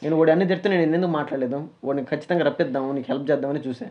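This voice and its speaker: A man's voice: fairly high pitch, rapid-fire, dull audio. A man hosting, talking firmly like an older brother, scolding and consoling. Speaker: host. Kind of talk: casual chat.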